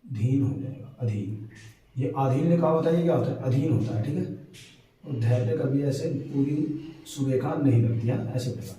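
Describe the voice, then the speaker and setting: A man teaching a lesson for exam preparation. He checks in often with "okay?" and slowly draws out words as he spells them. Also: mid-range voice, animated, mellow. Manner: repeats checks like "ठीक है" and "है ना". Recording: very echoey room, far from mic, faint noise.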